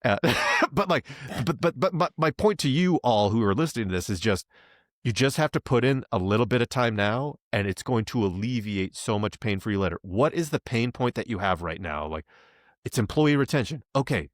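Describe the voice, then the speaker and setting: A man's voice: medium pitch, a little fast, no room sound, clean studio sound. A man co-hosting a casual business podcast, talking loosely and acting out quotes as he goes. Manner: rambling, animated, acts out quotes. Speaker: podcast co-host.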